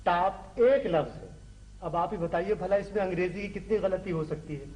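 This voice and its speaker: A showy young poet with a high voice who recites in flowery, theatrical phrases. The sound is roomy and echoey, with a faint hiss behind it. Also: male voice, expressive, moderate pace, a little mellow. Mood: declaiming. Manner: flowery, declaiming. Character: pretentious young male poet, ornate and showy. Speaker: poet son. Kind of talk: classic television comedy drama acting. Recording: echoey room.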